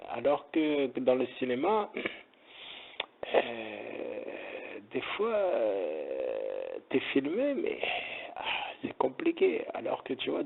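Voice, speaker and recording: A man's voice: mid-range voice, gravelly, breathy edge. A man rambling casually in a joking, digressive monologue, with a tinny phone-like sound. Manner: joking, digressive, slips into mock Italian. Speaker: content creator talking about modeling.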